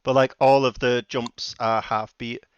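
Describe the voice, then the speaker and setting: A man's voice: mid-range voice, flat delivery, measured pace, smooth, no room sound, highs cut off. A man explaining rhythm game mapping casually, filling his sentences with "like". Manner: filler-heavy, uses "like" a lot.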